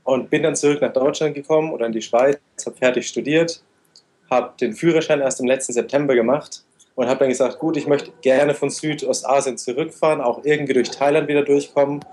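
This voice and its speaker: In his twenties, this motorcycle traveler answers interview questions expansively, talking steadily and going into lots of detail. His mid-range, darkish voice holds a steady tone and runs a little fast, with a little hiss or hum on the recording.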